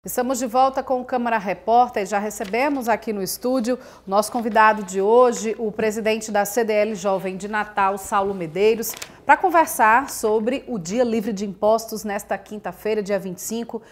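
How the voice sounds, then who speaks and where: A woman's voice: mid-range voice, normal speed, few pauses. A woman with a Brazilian accent presenting and interviewing on a studio news programme.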